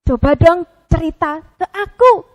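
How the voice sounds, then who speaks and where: A woman's voice: expressive, measured pace. Pupi, a woman doing a chirpy caring critter. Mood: curious. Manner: high, eager and chirpy, full of questions. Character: cute brown animal friend Pupi, bright and caring. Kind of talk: puppet storytelling for children.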